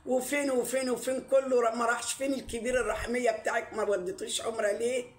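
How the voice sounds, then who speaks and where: A woman's voice: on the high side, fairly even intonation, fast, reverberant, a little hiss or hum. A woman with an Egyptian Arabic accent giving a ranting online commentary, scolding and indignant and firing off rhetorical questions. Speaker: YouTube commentator.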